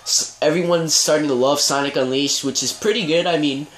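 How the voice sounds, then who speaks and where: A man's voice: a little high, brisk, fairly bright tone. A young man hosting a casual gaming discussion, opinionated and rambling, often hedging with "I mean". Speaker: podcast host. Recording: echoey room with faint noise.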